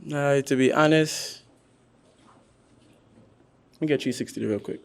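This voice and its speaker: A man's voice: mid-range voice, unhurried, gravelly. Kittitian man bantering casually. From Saint Kitts and Nevis. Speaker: dating show contestant.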